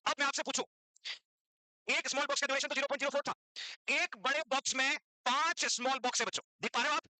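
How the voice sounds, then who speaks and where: Man, exam coach, brisk lecture, repeats and quizzes, very bright tone. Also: very high-pitched, steady tone, no room sound, low-quality recording. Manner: mixes English terms into Hindi, repeats points and quizzes students. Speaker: nursing exam teacher. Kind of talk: classroom lecture.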